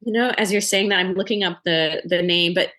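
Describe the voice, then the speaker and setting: A woman's voice: fairly low pitch, a little fast, fairly bright tone. A young woman psychotherapist born in Ethiopia, speaking as an interview guest on a video call, thoughtful and hesitant with many restarts. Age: young adult.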